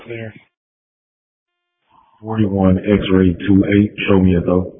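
Man on muffled bass-only radio. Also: level tone, husky. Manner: terse, slow radio calls. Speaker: radio unit. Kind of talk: clipped radio traffic. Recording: muffled tinny radio transmission.

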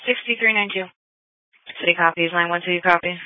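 A woman's voice: on the low side, fairly quick, dry recording. Woman dispatcher over walkie-talkie radio. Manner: brief, clipped call codes. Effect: over a two-way radio. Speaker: emergency dispatcher. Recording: tinny, dry two-way radio.

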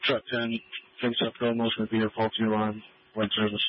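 Low-voiced man reporting over radio. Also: fairly quick. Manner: terse, flat report. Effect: two-way radio transmission. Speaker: fire crew member. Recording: muffled radio with hum.

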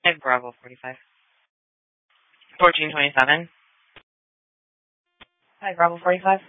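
A man's voice: on the high side, measured pace, no room sound. Man dispatching over police radio. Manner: clipped, flat call-sign delivery. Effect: police radio transmission. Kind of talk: terse radio dispatch calls. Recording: dry, dull lo-fi police radio.

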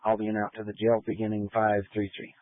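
A man speaks quickly in clipped radio codes, his voice squeezed through a tinny, narrow-band police radio. The sound is dry and close, with nothing of the room around it. He is a patrol officer checking in with dispatch. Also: on the low side, monotone, no echo. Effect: police radio transmission.

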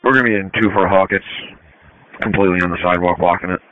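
A man's voice: low-pitched, steady tone, racing, no room sound, phone-quality sound. A police officer making a terse call to dispatch over a two-way radio, his transmission clipped and cut off.

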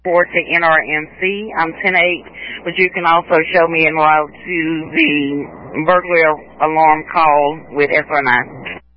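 A man's voice: on the high side, steady tone, measured pace, dry recording. A man on a responding unit giving a brief status report in radio codes over a two-way radio. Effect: two-way radio transmission. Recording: muffled radio band, dry.

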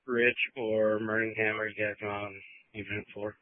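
Low flat man over walkie talkie. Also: normal speed, dry recording. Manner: terse radio codes, dry humor. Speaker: radio officer coordinating units. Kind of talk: radio traffic. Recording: tinny, dry two-way radio.

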